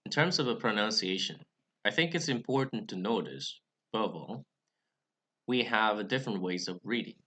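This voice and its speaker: A young Bible study channel host, whose first language is not English, explains reading Greek scripture in a carefully scripted talk to camera. His lowish voice sounds expressive, pushed and bright, and his measured pace is broken by occasional restarts.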